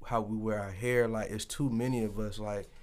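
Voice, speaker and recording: A man's voice: on the low side, moderate pace. A man telling personal stories in casual, candid conversation, colloquial and peppered with swearing. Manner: colloquial, sweary, animated storytelling.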